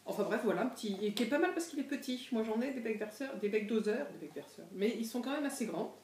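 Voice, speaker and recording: A woman's voice: on the high side, animated, quick pace, darkish tone, a little hiss or hum. A woman chatting casually through an unboxing, hesitant and full of fillers and self-corrections. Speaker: pet product reviewer. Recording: echoey room, voice from a distance.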